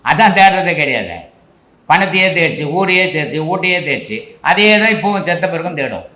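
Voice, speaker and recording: A man's voice: a little high, animated, fairly quick, sharp tone, reverberant. An older man, a spiritual teacher, answering questions in casual, instructive speech with rhetorical questions.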